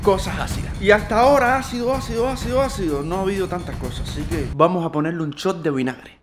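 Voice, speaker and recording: A man's voice: sits high, fast. A man, chatting casually and teasingly as he films a challenge at home. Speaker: cameraman and challenge-setter. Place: open-plan home interior. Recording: loud music under the voice. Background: loud music.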